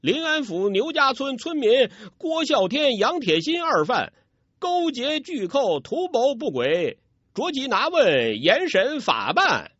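A man voicing a blustering military officer who barks orders in a pompous, shouting manner. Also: very high voice, big pitch swings, slow, no echo, dull audio, voice pushed up, full character voice.

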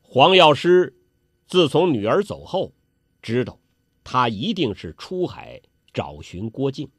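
A man telling a traditional Chinese story, dramatic, moving between loud exclamations and hushed asides. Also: medium pitch, very animated, takes it slowly, breathy edge, dry recording.

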